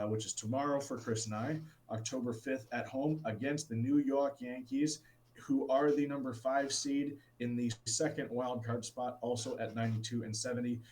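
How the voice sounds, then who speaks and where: A man co-hosting a casual sports podcast, talking with lots of fillers and restarts and getting excited about baseball. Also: mid-range voice, slight background noise. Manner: rambling, many fillers and restarts. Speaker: podcast co-host.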